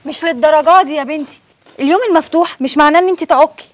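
A woman's voice: high-pitched, rapid-fire, noisy background. A woman with an Egyptian accent playing a bossy friend who lectures about dieting. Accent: Egyptian Arabic. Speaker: friend in comedy sketch.

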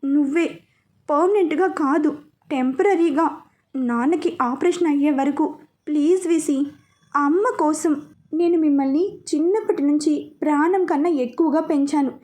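A woman voicing a scolding, anxious middle-aged mother with a sharp, reproachful tone. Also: sits high, normal speed, lightly acted. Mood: pleading.

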